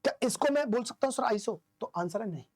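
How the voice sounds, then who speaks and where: A man's voice: very high voice, lively intonation, quick pace, a little mellow, dry recording. A man teaching chemistry in a classroom-style lecture, asking questions and answering them himself while counting aloud. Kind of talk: classroom lecture explaining isomer naming.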